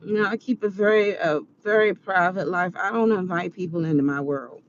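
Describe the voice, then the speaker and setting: A woman's voice: fairly low pitch, fairly quick, muffled recording, a little hiss or hum. A woman in her forties giving earnest, preachy advice in a casual vlog monologue. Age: 40s. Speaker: vlogger.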